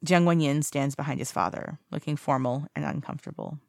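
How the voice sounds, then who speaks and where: Brief: an audiobook narrator with a gravelly edge, reading casually, dry close recording. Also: medium pitch, a little fast, darkish tone, no room sound. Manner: casual reading with small slips and self-corrections. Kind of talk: fan fiction audiobook reading.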